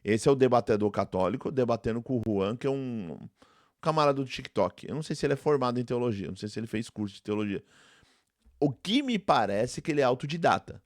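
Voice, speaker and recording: A man's voice: mid-range voice, animated, quick pace, dry recording. Brazilian man, dry reaction commentary. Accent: Brazilian Portuguese. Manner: conversational, repeats points, addresses viewers as "gente". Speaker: theology professor and channel host.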